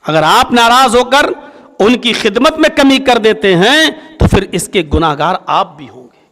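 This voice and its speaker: A male Islamic preacher giving a sermon, telling a story and acting out its dialogue with swings in pitch. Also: big pitch swings, measured pace, sharp tone, big-room sound. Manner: storytelling, acts out dialogue with rising and falling pitch.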